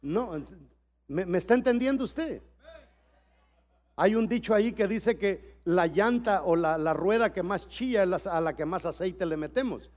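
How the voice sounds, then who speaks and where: A middle-aged Salvadoran man preaches at a church conference, his high, expressive voice unhurried as he sinks into quiet storytelling and then rises to shouted exhortation.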